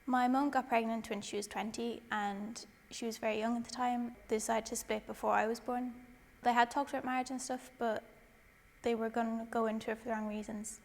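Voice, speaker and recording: Gravelly young woman, flat delivery. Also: fairly high pitch, a little fast, in a large hall. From Ireland. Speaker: interviewee. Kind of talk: documentary interview.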